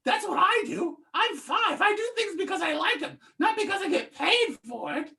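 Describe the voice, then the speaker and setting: A performer playing a carefree five-year-old boy captain who talks in excited, stammering bursts. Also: extremely high pitch, moderate pace, recorded from a distance, heavily acted.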